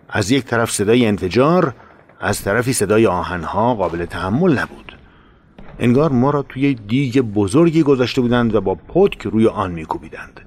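A man reading a first-person war memoir aloud, grave and steady with dramatic emphasis. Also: mid-range voice. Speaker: memoir narrator.

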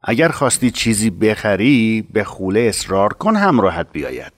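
A man playing a kind, honorable middle-aged master of a household in a narrated story, speaking slowly and gently. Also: fairly low pitch, very animated. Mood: gentle.

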